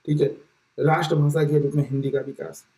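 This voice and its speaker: A man's voice: on the high side, little pitch movement, brisk, creaky, dark tone. A man teaching an exam-prep lesson in a casual, explanatory way, often checking in with his listeners and restarting his sentences. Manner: repeats "ठीक है" as a check-in, many fillers and restarts. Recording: roomy echo, distant mic.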